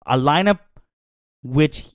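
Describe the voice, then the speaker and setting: A man's voice: on the high side, slow pace, no echo, studio quality. A man on a sports talk panel, speaking with confidence, trash-talking the other team and often tagging on "right?".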